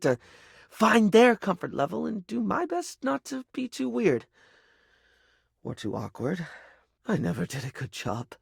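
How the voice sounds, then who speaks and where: Playing an insecure, flamboyant young makeup guy in a dating game, this male actor sounds drained and hurt, stammering and putting himself down theatrically in a breathy, creaky voice. The exaggerated voice is fairly high, captured cleanly in the studio with no echo.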